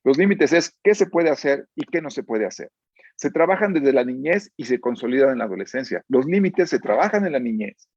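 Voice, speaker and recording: A man with a husky voice and a Mexico City accent lectures as a psychologist, explaining earnestly and dropping in questioning "¿sí?" tags and "este" fillers. The sound is dry and a bit dull, like lo-fi remote call audio. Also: mid-range voice, animated, fairly quick, a little mellow, no room sound. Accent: Mexico City Spanish. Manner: keeps checking in with a questioning "¿sí?". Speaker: psychologist giving a keynote lecture. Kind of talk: lecture with told anecdotes.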